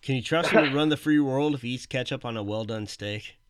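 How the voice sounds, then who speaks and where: A man's voice: mid-range voice, a little fast, smooth, dry recording. A man hosting a podcast in casual chat, joking and laughing at his own jokes. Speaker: podcast host.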